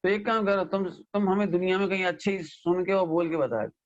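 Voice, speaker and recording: A man gives a lively scripture discourse, scolding and questioning his listeners. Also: sits high, brisk, highs cut off. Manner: animated, scolding, mimics listeners and asks them questions. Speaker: Jain scholar giving a scripture discourse. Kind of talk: sermon.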